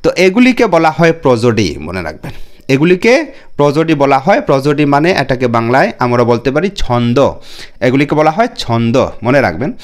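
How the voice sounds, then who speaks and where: A man teaching an exam prep lesson in Bengali, reading English question text slowly, then explaining each option and often repeating "remember.". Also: medium pitch. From India.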